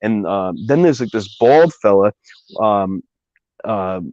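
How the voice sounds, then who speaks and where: A man's voice: on the low side, expressive, takes it slowly, a little mellow, no echo. Rambling man telling a story. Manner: rambling, many fillers and asides. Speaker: guest telling a personal story. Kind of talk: casual conversational storytelling. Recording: dry, slightly dull recording.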